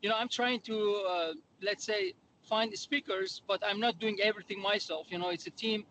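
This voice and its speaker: A man calls into a meeting from his car speakerphone while he drives. His voice sits slightly high and comes in halting bursts full of fillers. A soft hum of the car runs underneath. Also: steady tone, poor audio. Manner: hesitant, many "uh" fillers. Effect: calling in by phone from a car while driving. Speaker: section education chair. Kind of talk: meeting remarks. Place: in a moving car. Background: faint car noise.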